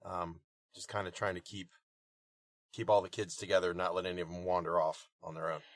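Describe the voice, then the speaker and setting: Man, lowish voice, hesitant, tabletop player, dry sound. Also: fairly quick, creaky, dry recording. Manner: hesitant, full of uhs and ums. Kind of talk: describing his character's actions.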